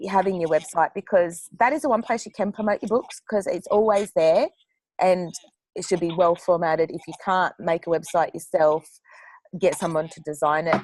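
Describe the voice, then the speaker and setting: A woman's voice: on the low side, darkish tone, slight background noise, low-quality recording. A woman author on a panel discussion who talks bluntly, swears freely and laughs often.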